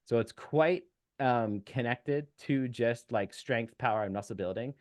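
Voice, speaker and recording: A man's voice: mid-range voice, a little slow, dry recording, clean studio sound. A man speaking as a guest nutrition expert in a casual podcast interview, explaining in a technical way with frequent fillers.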